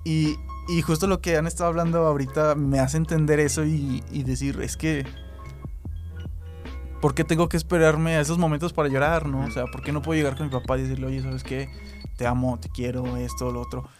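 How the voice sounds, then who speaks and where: A man with a Mexican accent hosting a podcast, chatty and animated when he retells conversations. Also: fairly high pitch, fairly quick, faint music behind. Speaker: podcast host. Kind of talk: casual chat.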